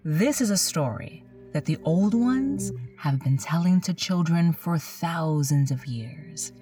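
Slow, theatrical woman horror host. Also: deep voice, lively intonation, warm tone, distant mic. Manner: theatrical, drawn-out suspenseful phrasing. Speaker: host of a spooky storytelling show. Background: music.

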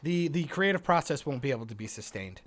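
A man's voice: medium pitch, expressive, fast, a bit bright. A man in a casual, opinionated chat, speaking emphatically and swearing heavily.

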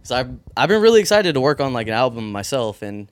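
A man's voice: mid-range voice, sing-song, fast, clear, resonant tone, dry recording. A man chatting casually as a musician guest, candid, slangy and swearing freely. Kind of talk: casual chat.

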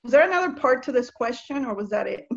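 A woman's voice: high-pitched, expressive, dull audio. A woman from Nicaragua speaking as an interview guest, earnest and reflective, often restarting her sentences as she talks about faith. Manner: earnest, halting, with many restarts and soft laughs. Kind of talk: reflective spiritual conversation.

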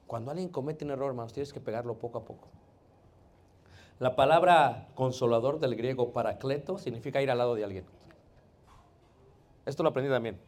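A man preaching a sermon in a conversational way, often addressing his listeners as brothers and sometimes rising to loud emphasis. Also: fairly high pitch.

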